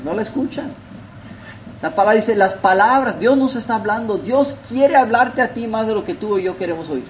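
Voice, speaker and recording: A man preaching a sermon, asking rhetorical questions and swinging between loud and soft delivery. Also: high voice, slight background noise, poor audio. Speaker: pastor.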